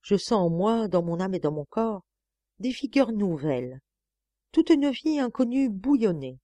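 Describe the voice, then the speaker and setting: A woman's voice: mid-range voice, sing-song, measured pace, dark tone, dry recording, voice pushed up. A woman reading a sickly, pleading young man. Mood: longing.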